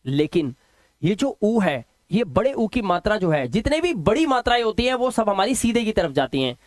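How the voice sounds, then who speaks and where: Man, video lesson, high voice, very lively delivery, asks questions and answers them himself. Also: normal speed, no echo. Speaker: English teacher. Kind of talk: classroom-style video lesson.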